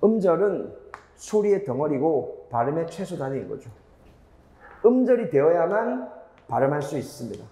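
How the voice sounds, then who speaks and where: 에코가 울리는 강의실의 남자 강사. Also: male voice, on the high side, big pitch swings, moderate pace, dark tone, reverberant, long reverb tail. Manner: rhetorical questions to students, emphatic repetition. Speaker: Korean grammar teacher. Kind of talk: lecture.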